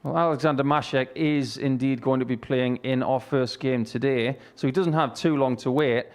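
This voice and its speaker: A man's voice: mid-range voice, steady tone, normal speed, darkish tone. A man presenting live darts coverage and commentary.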